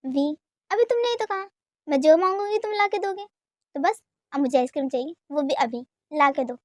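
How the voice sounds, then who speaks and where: Girl doing a bratty young wife, super high voice, pushy and accusing, dry close mic. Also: lively intonation, darkish tone, dry recording. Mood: demanding. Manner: insistent, pouting, quick to accuse. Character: teasing young wife, stubborn and demanding. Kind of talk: amateur romantic fan dub.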